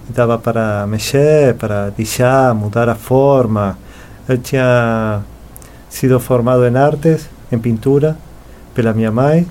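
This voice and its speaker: A middle-aged man from Buenos Aires, native in Spanish with an Argentine accent, is interviewed conversationally about his work as an artist and sculptor. His voice is medium in pitch and darkish, and a little hiss or hum runs under it.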